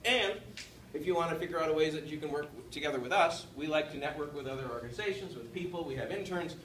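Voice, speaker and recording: A man's voice: on the high side, quick pace, fairly bright tone. A man giving a playful, upbeat conference presentation and leading the audience along. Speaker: conference speaker. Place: conference hall. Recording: echoey hall, far from mic, background noise.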